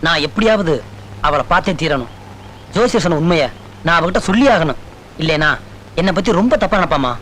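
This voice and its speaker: An actor playing a young husband speaking low and sorrowful about the wife he cannot reach, in a film soundtrack with music. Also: animated, fairly quick, pauses often, fairly bright tone, a little hiss or hum. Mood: subdued. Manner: subdued, sorrowful. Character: grieving young husband torn between duty and love. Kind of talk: film drama dialogue.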